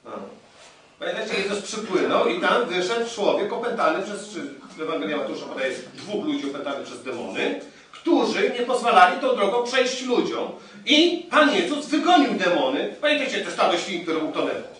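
Pastor, man, high bright voice, lively sermon, distant mic in a reverberant hall. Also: normal speed, a little hiss or hum. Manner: animated storytelling, addressing the congregation.

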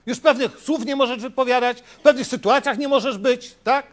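A man's voice: extremely high pitch, moderate pace. A middle-aged man preaching a sermon as a pastor, emphatic and often turning to the congregation with short questions. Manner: emphatic, asks the congregation "tak?" and "wiecie?".

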